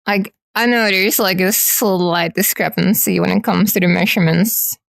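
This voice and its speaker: A woman's voice: mid-range voice, steady tone, normal speed, gravelly, no room sound, studio quality. A woman streamer in casual, playful chat with her viewers, teasing them lightly.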